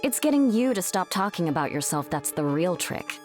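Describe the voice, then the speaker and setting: A woman's voice: on the low side, big pitch swings, normal speed, a little mellow. A woman voicing a confident, caring superhero mother in a video game, composed and wry. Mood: wry, teasing. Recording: music behind.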